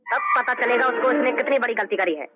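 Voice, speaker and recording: A woman voicing a greedy, threatening male crime boss in a cartoon, speaking slowly and heavily. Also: on the high side, muffled recording, heavy background noise, close to an everyday voice. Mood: menacing. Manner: threatening, slow and heavy. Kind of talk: cartoon voice acting.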